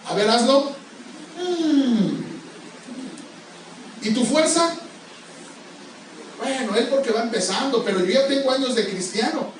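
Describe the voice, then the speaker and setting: A man's voice: very high-pitched, lively intonation, takes it slowly, pauses often, a little hiss or hum. A male pastor preaching a sermon, pressing the congregation with repeated questions. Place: church sanctuary. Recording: echoey church hall, far from mic.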